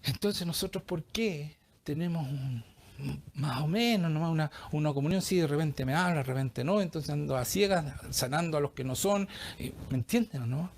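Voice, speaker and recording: A man with a Chilean accent preaching a sermon, animated and often asking the congregation questions. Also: a little high, normal speed, vocal fry. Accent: Chilean Spanish. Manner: animated, acts out quoted voices, asks the congregation questions.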